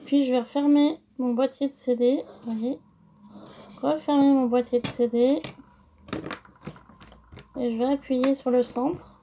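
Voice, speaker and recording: Brief: French woman, high mellow voice, unhurried, hesitant craft-tutorial host. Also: steady tone, slight background noise. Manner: slow, hesitant, many fillers.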